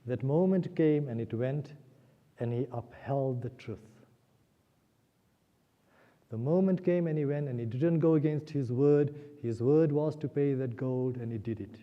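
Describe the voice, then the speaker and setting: A man's voice: mid-range voice, moderate pace. A man giving an earnest spiritual discourse at a temple, telling a story and having listeners repeat key words aloud. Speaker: guest speaker at a temple. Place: temple hall. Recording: dull lo-fi audio in a reverberant hall.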